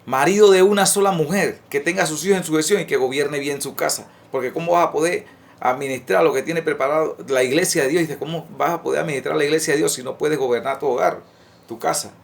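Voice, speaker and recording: A man's voice: a little high, fast, gravelly. A man giving an earnest, informal sermon, often stopping on fillers and restarts and asking his listeners rhetorical questions. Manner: earnest, repetitive, many hesitant restarts and fillers. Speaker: lay preacher. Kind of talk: informal preaching to camera.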